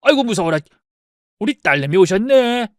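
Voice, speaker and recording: A man's voice: high voice, sing-song, normal speed, no echo, studio quality. An actor voicing a cheerful, stubborn retired father in his sixties, coaxing his worried daughter in a dramatized story.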